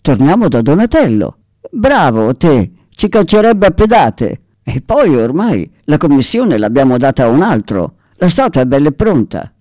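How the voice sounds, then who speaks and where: A man's voice: fairly high pitch, very animated, moderate pace, mellow, dry recording. A man voicing fussing artisan shoemakers. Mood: scheming. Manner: pleading, then scheming. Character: group of grumbling male shoemaker artisans.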